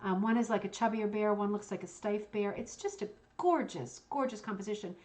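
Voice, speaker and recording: A woman's voice: medium pitch, brisk, a little mellow. A woman hosting like a chatty bingo caller, enthusiastic and gushing, with asides, repeats and bits read aloud in a casual way. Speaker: host of a hooked rug bingo show.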